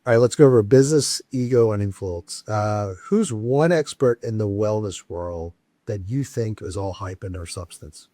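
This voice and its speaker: Relaxed male podcast host. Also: lowish voice, no echo. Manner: relaxed, asks quick questions with fillers. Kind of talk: casual interview.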